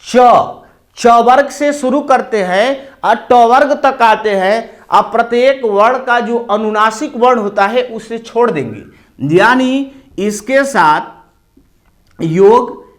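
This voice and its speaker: A man with a very high voice and an eastern Uttar Pradesh accent teaches a classroom Hindi grammar lesson. He talks slowly, explaining step by step. He often asks a question and then answers it himself.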